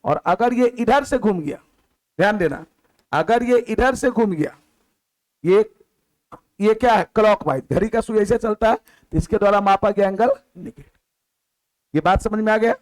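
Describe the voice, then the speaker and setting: A man teaching a maths class, who asks the students questions, repeats key words and answers them himself in a lower voice. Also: normal speed, pauses often, poor audio. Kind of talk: classroom lecture.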